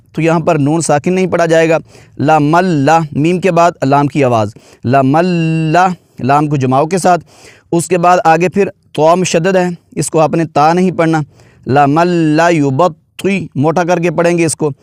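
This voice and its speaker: A man teaching Quran recitation, his voice fairly high and resonant. He explains each rule patiently, then chants the verses slowly with long drawn-out vowels. The sound is dry and close. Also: darkish tone, dry recording. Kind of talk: tajweed lesson with chanted recitation.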